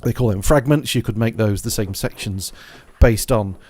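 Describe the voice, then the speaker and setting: A man with a lowish voice walks through music software and hardware in an informal way. He rambles and thinks aloud as he demonstrates. The sound is dry and close. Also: normal speed, dry recording. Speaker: music gear tutorial presenter. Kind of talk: casual software and hardware walkthrough. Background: scratching noise from a dog in the background.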